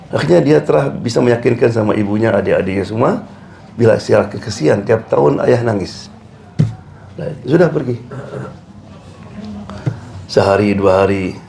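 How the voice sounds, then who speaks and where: A man's voice: mid-range voice, vocal fry, a little mellow. A man, an imam, preaching a sermon, telling stories and acting out the people in them, switching between Indonesian and English. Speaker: imam giving a religious talk. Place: community hall. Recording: echoey room with faint background noise.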